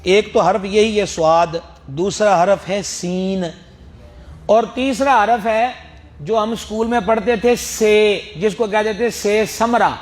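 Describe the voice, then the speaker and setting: A man teaching Quran pronunciation, drawing out letter sounds slowly, sometimes chanting, and joking with his students. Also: high-pitched. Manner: slow drawn-out letter drills, sometimes chanted; friendly teasing asides to students. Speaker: religious teacher. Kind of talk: Quran recitation lesson.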